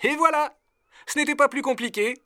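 A man's voice: very high voice, brisk, bright, forceful tone, dry recording, studio quality, voice pushed up, heavily acted. A man voicing a loyal, cheerful young male servant in a storybook reading. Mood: excited.

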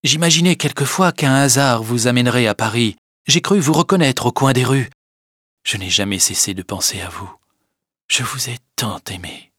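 A man's voice: medium pitch, animated, normal speed, fairly bright tone, slightly rough, dry recording, studio quality. A man voicing Léon, an ardent young lover. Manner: pleading and pressing. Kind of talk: audiobook reading.

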